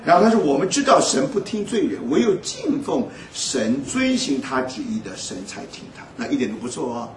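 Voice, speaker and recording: An animated man delivering a sermon, his voice pitched a little high and swooping widely as he tells stories. He laughs often as he talks. He sounds distant from the mic, with echo all around him. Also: fairly quick, hardly any pauses. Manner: animated storytelling with frequent laughs. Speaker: preacher. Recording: echoey hall, voice from far off.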